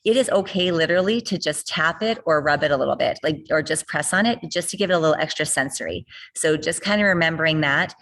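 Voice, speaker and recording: A middle-aged woman with a low voice talks through injury rehab on a video call. She is earnest and circles back to repeat her main points. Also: quick pace, a bit bright. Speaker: fitness trainer. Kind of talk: explanatory interview talk.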